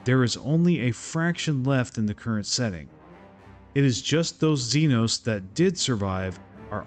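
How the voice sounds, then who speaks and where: A man giving a casual, opinionated gameplay guide as a voice-over, explaining his choices informally. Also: mid-range voice. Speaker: video game guide host. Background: faint music.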